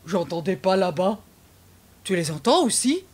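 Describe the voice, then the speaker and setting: A woman voicing a big, slow-witted storybook monster who hums and wonders aloud, in a children's storybook reading. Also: fairly low pitch, big pitch swings, husky, voice pushed down, full character voice. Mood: wondering. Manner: drawn-out, wondering, with humming sounds.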